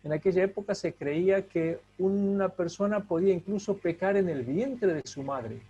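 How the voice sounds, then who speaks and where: A man teaching a Bible lesson, emphatic, with rhetorical questions and drawn-out stressed words. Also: high voice, mellow, husky, muffled recording. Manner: asks the class to help read.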